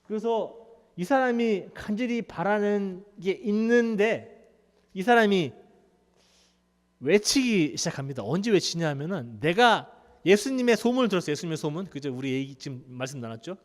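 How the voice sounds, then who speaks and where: 한 남자 목사가 교회에서 이야기하듯 편하게 설교하며, 중간중간 웃음을 섞어 성경 이야기를 생생하게 풀어냅니다. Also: male voice, high-pitched, moderate pace, in a large hall. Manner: conversational, animated storytelling with laughs. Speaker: pastor. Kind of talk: sermon. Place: church sanctuary.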